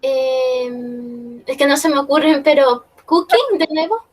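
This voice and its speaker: A woman's voice: sits high, slow, poor audio. A woman student answering in an online class, hesitant and thinking aloud. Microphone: remote student on a video call.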